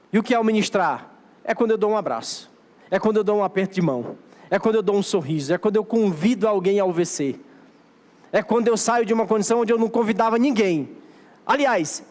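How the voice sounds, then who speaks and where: In a church sanctuary, a pastor preaches a sermon in Brazilian Portuguese, exhorting his congregation with a repeating, emphatic cadence. His voice sits high with a darkish tone, and the church's long hall reverb fills the recording.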